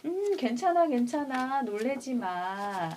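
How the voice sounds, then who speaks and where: A woman voicing a small, timid, kind young chimp boy from a picture book, high and flustered. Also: very animated, moderate pace, darkish tone, slight background noise, lightly acted. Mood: soothing. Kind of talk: picture book read-aloud.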